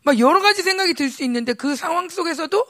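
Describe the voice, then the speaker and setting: A woman, a pastor's wife, preaching a conversational sermon during a church service and telling lively stories that act out the people in them. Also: high-pitched, quick pace. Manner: animated storytelling, acts out quoted voices.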